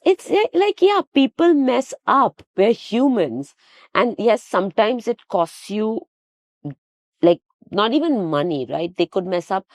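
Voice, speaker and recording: A woman, a guest telling lively stories in a casual conversation. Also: fairly low pitch, dry recording, clean studio sound. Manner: animated storytelling with quoted dialogue. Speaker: guest, fitness studio owner.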